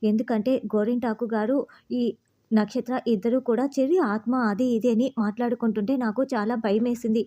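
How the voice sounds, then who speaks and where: Woman narrator voicing a fretful middle-aged mother, pleading, fairly high and mellow, slightly dull recording. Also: fairly even intonation, brisk, natural voice.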